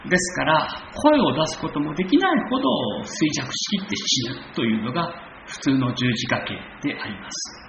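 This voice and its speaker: A man preaching a sermon in measured phrases that rise for emphasis. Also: fairly high pitch, very animated, roomy sound, highs cut off, background noise. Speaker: pastor.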